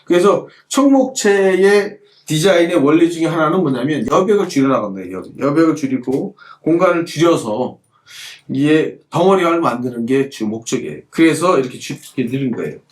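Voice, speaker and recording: Teaching calligraphy hands-on, a middle-aged man talks briskly and animatedly in a fairly high voice, with a roomy sound around him. He repeats key points and asks his students rhetorical questions as he demonstrates.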